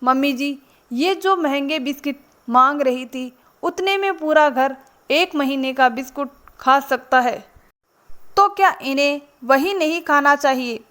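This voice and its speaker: A woman's voice: high-pitched, measured pace, fairly bright tone. A woman reading as an irritable elder daughter-in-law. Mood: defensive. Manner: irritable, defensive.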